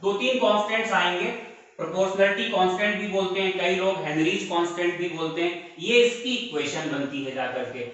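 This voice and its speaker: A male chemistry teacher giving a lesson, slowly dictating definitions word by word and calling his students "beta". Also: sits high, fairly bright tone, heavy reverb, highs cut off. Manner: addresses students fondly as "beta". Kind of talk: classroom lesson in Hindi with English terms.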